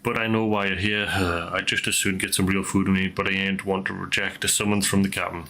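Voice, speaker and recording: A swaggering, gruff seafarer from a fantasy game, read out by a man at play. The voice is fairly low, with salty, boastful talk. Some faint noise runs underneath. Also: level tone, brisk, bright, forceful tone. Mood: grumbling.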